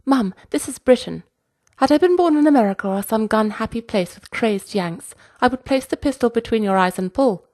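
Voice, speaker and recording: A woman's voice: fairly high pitch, lively intonation, normal speed, darkish tone, pitched above the performer's own voice, close to an everyday voice. A woman voicing a mild, nervous grown son who speaks hesitantly.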